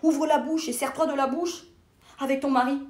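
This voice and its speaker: A woman's voice: high voice, steady tone, normal speed, a little mellow. A woman comedian doing a blunt, crude sketch monologue, stammering and repeating herself. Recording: echoey room.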